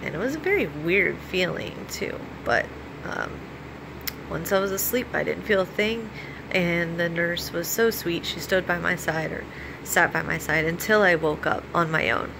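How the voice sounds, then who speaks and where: An American woman speaks in a slightly low register, in the casual style of a personal vlog. She explains practical steps informally, pausing and feeling for her words. A clearly noticeable layer of background noise runs under her voice. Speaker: vlogger.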